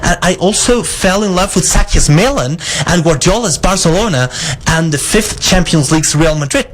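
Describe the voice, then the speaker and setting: Interpreter speaking plainly, middle pitch. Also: animated, normal speed. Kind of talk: live consecutive interpreting.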